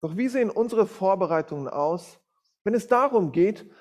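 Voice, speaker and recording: German preacher, a man with a fairly high voice. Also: animated, normal speed, a little mellow. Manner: informal, with many fillers and self-corrections. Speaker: guest preacher from a Bible school. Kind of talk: sermon with a read-aloud story.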